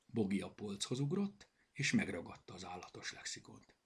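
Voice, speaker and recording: A man reading a children's story aloud, expressive, switching into character voices. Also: on the low side, slightly rough. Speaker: storybook narrator.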